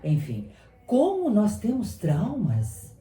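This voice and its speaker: A Brazilian woman hosting a radio interview, asking questions in an expressive, conversational way. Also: mid-range voice, slow, reverberant. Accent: Brazilian Portuguese. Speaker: radio host. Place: radio studio.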